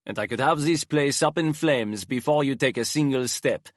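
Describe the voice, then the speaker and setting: A man voicing a cool, calculating young male leader who speaks in a calm, clipped, dry way. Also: mid-range voice, normal speed, dry recording, close to an everyday voice.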